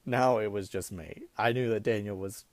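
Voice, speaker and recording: Gravelly-voiced man telling a funny story. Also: lowish voice, normal speed, no room sound. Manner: animated, breaks into laughter while telling. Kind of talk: comedic personal storytelling.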